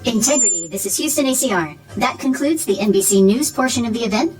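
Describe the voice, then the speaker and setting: A woman's voice: fairly high pitch, expressive, fast talker, darkish tone, poor audio. A woman at mission control speaking in clipped, procedural radio calls over a radio loop.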